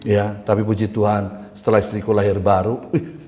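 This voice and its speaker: A man's voice: on the low side, flat delivery, fairly quick, darkish tone, a little hiss or hum. Preaching man in an echoing church hall. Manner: conversational preaching with rising emphatic bursts and audience call-and-response. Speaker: pastor. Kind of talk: sermon.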